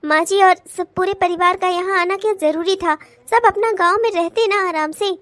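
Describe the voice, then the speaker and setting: A woman's voice: extremely high pitch, moderate pace, no room sound, studio quality. [name], woman voicing a fed-up young wife. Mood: upset. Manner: sharp scolding. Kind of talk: cartoon voice acting.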